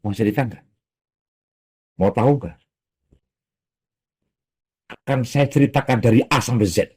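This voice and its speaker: A man giving a Quran commentary lesson at a boarding school, lively and acting out quoted speech. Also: medium pitch, a little slow, breathy edge. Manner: animated, acts out quoted speech, mixes in local phrases.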